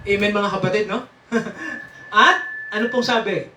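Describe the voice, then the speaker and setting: This male preacher speaks Filipino in a high, bright, expressive voice at a measured pace, giving interactive Bible teaching. He quizzes the congregation, often saying "no?" and "sir," and chuckles frequently. Slight background noise, an echoey room, and a distant mic mark the recording.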